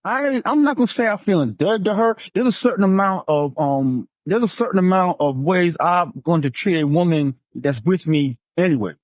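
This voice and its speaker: A man's voice: high-pitched, moderate pace, few pauses, no room sound, muffled recording. A man on a relationship panel, talking casually and rambling, often repeating himself. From New Jersey.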